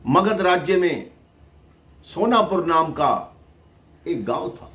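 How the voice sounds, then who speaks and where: A man narrating a devotional moral tale in a slow, measured way, pausing between phrases. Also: on the high side, lively intonation, fairly bright tone, roomy sound. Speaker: devotional storyteller.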